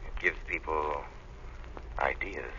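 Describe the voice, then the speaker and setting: An actor playing a mysterious unseen avenger, calm, sardonic and commanding, in theatrical 1940s radio drama style. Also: male voice, a bass voice, slow, heavy background noise, heavily acted. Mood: dry, composed. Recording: dull vintage radio recording.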